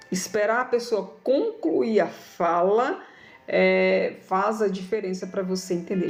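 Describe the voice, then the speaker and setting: A woman in her thirties talks to her live-stream viewers in a casual, affectionate way, calling them dear as she gives her advice. Her voice sits at a middle pitch. There is a roomy echo around her, with faint music behind. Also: a little mellow. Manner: affectionate, preachy, calls viewers "amada". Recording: echoey room with faint music.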